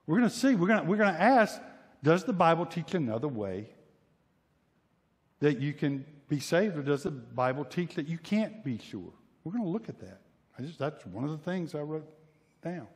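A man's voice: fairly high pitch, sing-song, normal speed, long reverb tail. A male pastor preaching a sermon with emphasis, often repeating and restarting words and acting out imagined voices. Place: church sanctuary.

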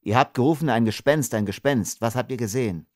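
A man's voice: mid-range voice, a little fast, no room sound, studio quality, pitched above the performer's own voice, close to an everyday voice. A man reading an audiobook, voicing a young ranger who holds back his anger with tense restraint. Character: young blond male ranger, barely controlled anger.

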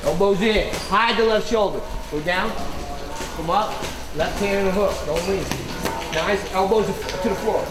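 A man's voice: high voice, measured pace. A male boxing coach calling out punch combos in short clipped commands with brief encouragement, recorded in an open gym. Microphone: camera mic a few metres away. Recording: echoey open gym, loud background noise.

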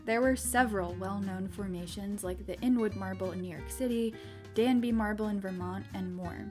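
A woman's voice: medium pitch, normal speed. Woman narrating geology over music. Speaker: geology video host. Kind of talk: scripted science narration. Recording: background music under voice-over. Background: background music.

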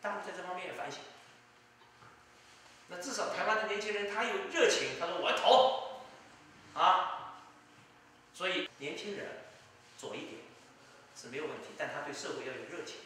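A man's voice: sits high, brisk, pauses often, pushed and bright, slight background noise. A man giving emphatic political commentary, with rhetorical asides to his listener. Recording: distant mic in an echoey room.

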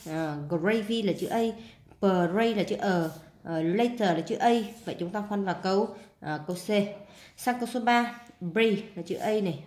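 A woman's voice: mid-range voice, reverberant. A woman teacher with a Vietnamese accent, talking her students through an English exam step by step, often repeating herself and saying "à". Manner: steady explaining, frequent fillers and repeats. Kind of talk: casual spoken exam walkthrough.

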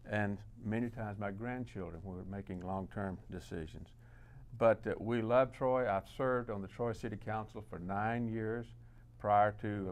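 A man in his sixties with a Mississippi accent, giving a plain-spoken campaign statement at a candidate forum. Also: fairly low pitch. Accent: Southern US, Mississippi. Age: 60s. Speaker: candidate for county commission.

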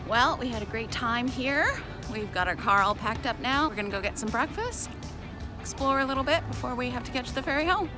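A middle-aged woman chatting casually through a family travel vlog, relaxed and upbeat, filming on a phone. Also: a little high, brisk. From Canada. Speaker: family vlogger. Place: outdoors and in a car on a road trip. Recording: music playing under the voice.

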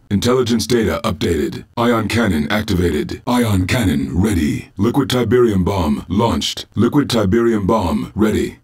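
A man voicing a calm male battlefield command computer, reading short status alerts in a terse, flat military delivery. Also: fairly low pitch, husky. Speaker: in-game announcer. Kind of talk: clipped battlefield status callouts.

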